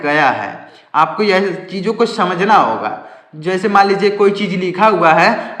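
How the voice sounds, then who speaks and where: A man teaching English spelling to Hindi speakers, slowly and repetitively, asking questions and answering them himself. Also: high voice, bright, forceful tone. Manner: slow, repetitive explaining, asks and answers own questions. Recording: echoey room, long reverb.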